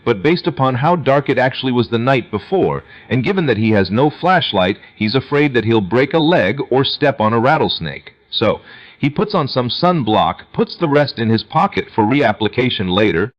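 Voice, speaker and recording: A man's voice: medium pitch, very animated, normal speed, dry recording. A man's cloned, synthetic voice narrating a scripted story, with a lo-fi sound. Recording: dull, radio-like lo-fi sound.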